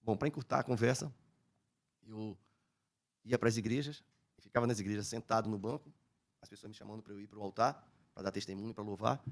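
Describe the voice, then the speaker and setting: An older man with a Brazilian accent, a podcast guest giving a personal testimony in animated storytelling, acting out the people he quotes. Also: lowish voice, a little fast, long pauses.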